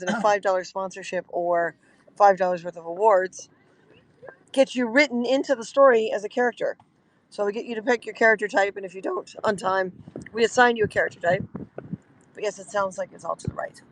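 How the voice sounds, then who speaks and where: Poor audio with slight background noise captures a Canadian woman hosting a relaxed livestream from a car at night. She talks briskly in a medium pitch, rambling along and leaning heavily on fillers.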